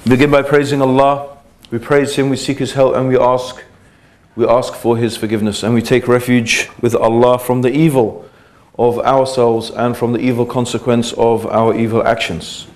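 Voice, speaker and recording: A middle-aged man lecturing an audience about his own story. He talks in a loose, conversational way, with many fillers, asides and restarts, at a medium pitch. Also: darkish tone. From England. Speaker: Islamic lecturer. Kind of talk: informal religious lecture.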